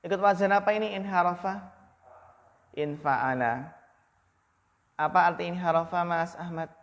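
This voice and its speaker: Slow, high-voiced Indonesian male teacher. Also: big-room sound, highs cut off. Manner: slow, drawn-out recitation of Arabic phrases, then quick Indonesian questions. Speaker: Arabic grammar teacher. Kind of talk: classroom lesson, calling on students.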